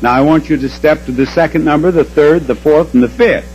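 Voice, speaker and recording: An older man hosting a game show before a studio audience, with a measured, teasing showman's delivery. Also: a little high, highs cut off, a little hiss or hum. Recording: loud studio crowd and music behind. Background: loud audience and music.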